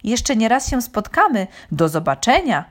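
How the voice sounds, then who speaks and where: Woman voicing a deep-voiced polite grass snake. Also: sing-song, normal speed. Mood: calm polite. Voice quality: deep bass.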